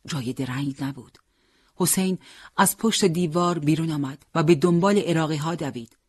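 A storyteller reads a wartime tale in a steady, measured voice. The pitch is mid-range and the sound is dry, with no room around it. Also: husky, no room sound. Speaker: narrator. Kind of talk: scripted storytelling narration.

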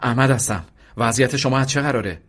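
An anxious senior commander barking over the radio, put on by a man reading the story, pitched noticeably higher than the narrator's own voice. He talks loudly and insistently, in a radio drama reading. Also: slightly rough. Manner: insistent, raised voice.

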